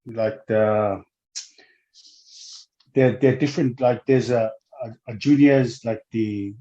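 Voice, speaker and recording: A man's voice: mid-range voice, fairly even intonation, slow pace, mellow, dull audio. A man in his forties from Samoa, speaking in a casual interview as a guest, hesitant and full of fillers and restarts. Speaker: guest, former rugby player.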